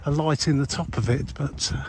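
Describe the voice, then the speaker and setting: A man's voice: a little high, fairly even intonation, brisk, poor audio. An older man chatting casually while walking a clifftop path, slightly breathless, with lots of fillers and restarts. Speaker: walking vlogger. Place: outdoors on a clifftop coastal path. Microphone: body-worn mic while walking. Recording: loud outdoor wind and traffic noise. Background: outdoor ambience and passing vehicles.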